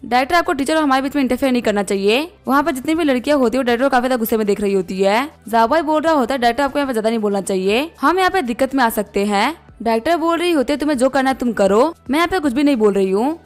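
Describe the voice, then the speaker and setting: Fast high-voiced woman narrating. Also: animated. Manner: reads all dialogue in her plain voice. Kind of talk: story recap narration. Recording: faint background music.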